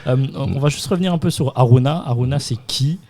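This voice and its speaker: Mellow-toned man asking questions. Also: mid-range voice, fast. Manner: questions full of fillers and restarts. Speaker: podcast host. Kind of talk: casual podcast interview.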